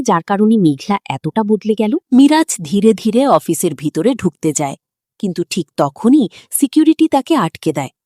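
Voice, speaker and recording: A woman narrating a recap of a drama episode in an expressive, dramatic storytelling manner. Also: mid-range voice, no room sound, clean studio sound.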